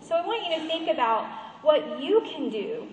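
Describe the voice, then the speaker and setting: Woman with a high voice doing an emotional conference talk, kind of far off, lots of hall echo. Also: very animated, moderate pace, slight background noise. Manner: earnest storytelling, emotional to the point of tears. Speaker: conference speaker. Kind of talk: motivational presentation. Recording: echoey hall, far from the mic.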